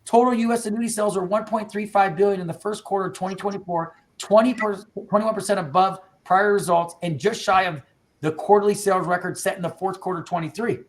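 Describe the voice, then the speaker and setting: Over a video call, this man who owns an insurance agency gives his agents a pumped-up, laid-back training talk full of "bro" and "dude." He has a high voice and a quick delivery, with a slight hiss or hum in the audio.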